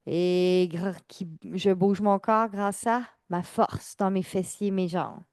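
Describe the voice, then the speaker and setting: A woman fitness instructor, giving calm, measured exercise cues and counting reps. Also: medium pitch, clean tone, no echo. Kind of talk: guided exercise class cues.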